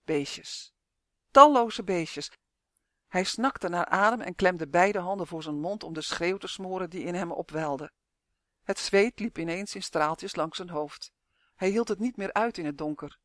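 Male audiobook narrator, high voice, lively, dry close recording. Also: moderate pace, no echo. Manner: lively, expressive storytelling. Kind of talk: scripted narration of a children's fantasy audiobook.

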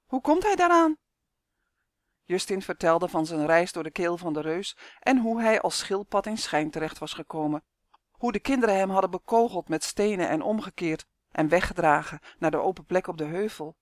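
Calm woman narrating a storybook. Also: lowish voice, normal speed, no echo, clean studio sound. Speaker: audiobook narrator.

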